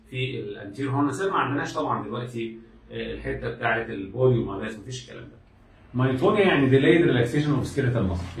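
Rapid-fire Egyptian man lecturing. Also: mid-range voice, distant mic. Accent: Egyptian Arabic. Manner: repetitive, drilling students, acts out exam steps. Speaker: medical lecturer. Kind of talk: classroom lecture. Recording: echoey room, speaker off-mic.

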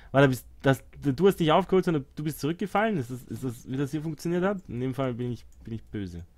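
A man's voice: mid-range voice, a little mellow. A young man casually commenting on his strategy game, sarcastic and chatty, talking to his units and muttering at distractions. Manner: chatty, sarcastic, talks to game units and phone, mixes English swears. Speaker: let's play host.

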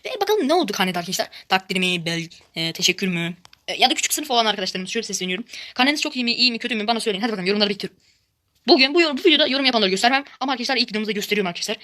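High, bright, fast-talking woman gamer. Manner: excitable, repeatedly addresses viewers as friends; shrieks loudly when frustrated. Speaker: gaming YouTuber. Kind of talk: casual gameplay commentary.

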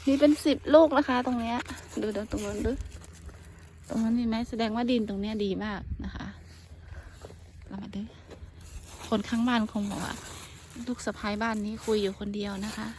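A woman in her thirties from Thailand, chatting casually to her phone camera as she tends a vegetable field, often breaking into excited exclamations. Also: mid-range voice, moderate pace, long pauses, slight background noise. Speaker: vlogger. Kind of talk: casual chat while gardening. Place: outdoor vegetable field in rural Japan. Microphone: handheld phone camera.

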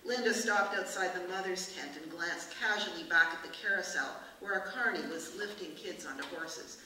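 A woman author reading aloud from her novel at a book festival, in measured, expressive narration. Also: fairly low pitch. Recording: echoey room from far off, hiss.

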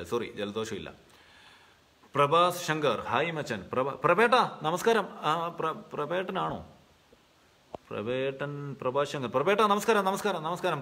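A young man on a live stream, reading fan comments aloud and answering them in a relaxed, chatty way with many fillers, from his home. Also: medium pitch. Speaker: serial actor answering fan questions.

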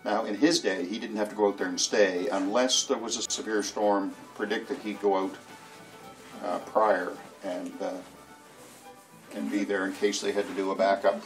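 A man's voice: on the low side, flat delivery, normal speed, soft background music, low-quality recording. A Canadian man giving casual commentary with a wry, anecdotal storytelling manner.

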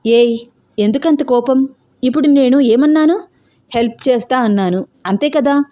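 A woman's voice: high-pitched, moderate pace, mellow, natural voice. A woman voicing a persistent young man who coaxes and pleads. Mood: defensive. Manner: coaxing, pleading. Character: young man, teasing yet caring, persistent.

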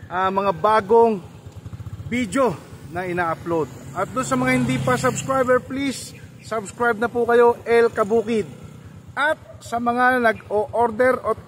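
Man, high-pitched voice, casual farm vlog host, chatty step-by-step explaining, outdoors, faint background noise. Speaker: farming vlogger and host. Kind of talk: casual walk-through commentary.

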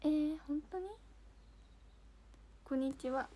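A young woman with a bright, high-pitched voice. She chats casually and giggles often, reacting to viewer comments with quick, bubbly surprise. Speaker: idol livestream host. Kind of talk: casual livestream chat reading viewer comments.

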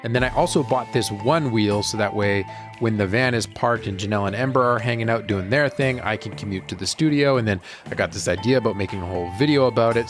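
A man in his thirties narrating his travel vlog in a relaxed, enthusiastic way. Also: fairly low pitch. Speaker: vlogger. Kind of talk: casual voice-over narration.

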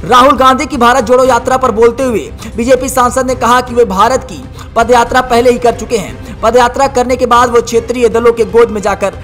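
A woman's voice: fairly high pitch, steady tone, brisk, hardly any pauses, fairly bright tone, soft background music. A woman narrating a scripted news report as a voice-over, with an emphatic, dramatic headline delivery.

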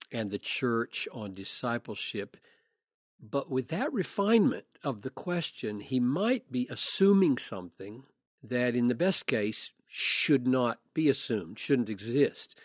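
An older man, a pastor, gives a measured, earnest answer to a listener's question, often restarting phrases. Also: mid-range voice, no room sound, studio quality. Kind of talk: thoughtful podcast answer.

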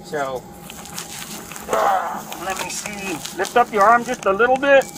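A man's voice: high voice, animated, takes it slowly. A male police officer informally explaining each step to a detainee and checking that he agrees. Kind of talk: instructing and questioning a detainee. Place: aircraft cabin, body-worn camera. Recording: noisy aircraft cabin body-camera audio.

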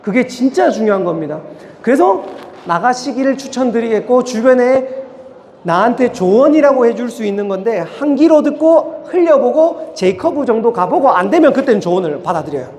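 A man giving a motivational talk at a career concert, animated and firing rhetorical questions at the audience. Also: extremely high pitch, normal speed, a little hiss or hum. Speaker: motivational speaker. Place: lecture hall. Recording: hall with long reverb.

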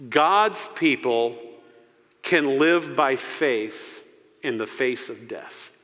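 A man in his forties preaching a sermon into a pulpit microphone as pastor. He speaks earnestly and slows down to stress key phrases. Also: medium pitch, fairly bright tone. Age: 40s. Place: church sanctuary. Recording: long church reverb.

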